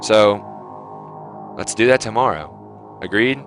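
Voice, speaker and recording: A man's voice: lowish voice, lively intonation, slow pace, music in the background. A young man giving his gaming team a blunt, lecturing talk on their attitude, swearing freely. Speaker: team captain.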